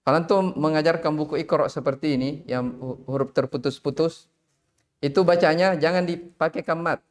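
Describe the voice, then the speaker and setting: A man teaching tajwid in a live online class, drilling Arabic syllables slowly and calling on students to recite. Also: on the high side. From Indonesia.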